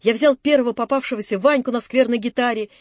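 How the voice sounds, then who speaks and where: A woman narrates a novel in a calm, measured reading voice. Her pitch sits on the higher side, and the close studio mic gives a dry sound with no room. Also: dry recording. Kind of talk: scripted narration.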